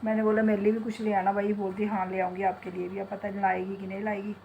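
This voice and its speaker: A woman's voice: medium pitch, little pitch movement, fast, gravelly, lo-fi sound, a little hiss or hum. Chatty middle-aged woman vlogging at home. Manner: chatty, rambling, talks to her pet. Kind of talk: casual chat to camera. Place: home kitchen and bedroom. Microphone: phone in hand.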